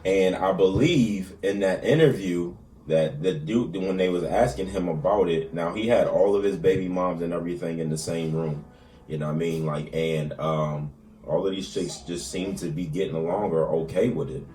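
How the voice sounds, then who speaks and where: Low-voiced male podcast co-host, relaxed slangy chat, off-mic in a roomy space. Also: normal speed, far from the mic, slight background noise. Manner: laid-back slang-heavy talk. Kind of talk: casual chat.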